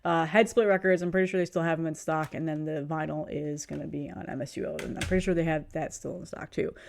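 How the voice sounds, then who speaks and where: Background noise sits behind a fast-talking woman in her thirties whose low, fairly even voice carries vocal fry. Sniffly from a cold, she chats enthusiastically and casually while reviewing music on video, laughing frequently and wandering off topic a little.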